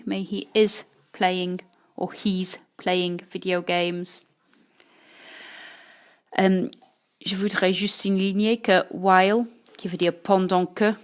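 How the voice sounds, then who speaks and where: Slow, patient woman teaching English. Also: mid-range voice. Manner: slow, explanatory, switching between French and English. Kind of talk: recorded lesson correcting homework. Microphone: video lesson recorded at a computer.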